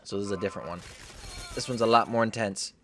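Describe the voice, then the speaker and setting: A man's voice: fairly low pitch, fairly even intonation, quick pace, fairly bright tone, slight background noise. A young man giving casual gameplay commentary, repeating short phrases to himself. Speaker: gaming video host.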